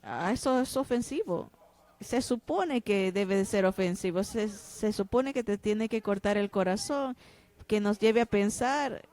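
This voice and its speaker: A woman's voice: mid-range voice, darkish tone. A woman interpreting a pastor's sermon, preaching with passionate emphasis. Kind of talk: dubbed sermon.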